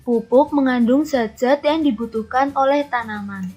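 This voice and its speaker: A woman's voice: sits high, moderate pace, darkish tone, breathy edge. A woman teacher reading a patient father's lines in her own everyday voice. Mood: explaining. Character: patient father explaining plant care. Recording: lo-fi recording with faint music.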